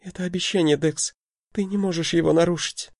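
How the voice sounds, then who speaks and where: A man's voice: steady tone, fairly quick, no echo, clean studio sound. A man voicing a sobbing, vengeful young woman. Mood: pleading. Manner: sobbing, pleading, trembling high voice.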